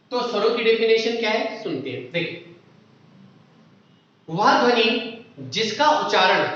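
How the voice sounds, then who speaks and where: A man's voice: high voice, sharp tone. A man teaching a grammar lesson for exam preparation, explaining step by step and putting questions to the class. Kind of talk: exam-prep Hindi grammar lecture. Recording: echoey room, dull lo-fi sound.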